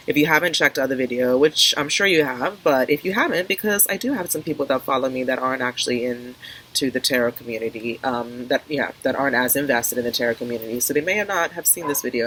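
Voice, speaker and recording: A woman's voice: very deep voice, fairly bright tone, rough recording. A woman talking casually to her viewers outdoors in an open garden, rambling and often restarting her sentences, as a video creator. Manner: hesitant, rambling, self-interrupting. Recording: windy outdoor garden recording, faint noise. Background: wind and outdoor ambience.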